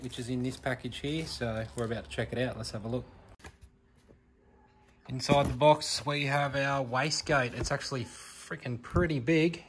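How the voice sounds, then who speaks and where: A man's voice: medium pitch, a little hiss or hum. A man narrating a casual workshop vlog in a laid-back, slangy, blokey way. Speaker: car project video host.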